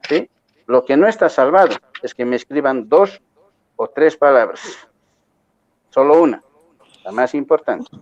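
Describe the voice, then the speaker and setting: A man's voice: mid-range voice, darkish tone, muffled recording, slight background noise. A man teaching a university class, giving firm instructions and checking in with the students again and again. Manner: firm, repeats points with rhetorical checks. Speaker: university lecturer.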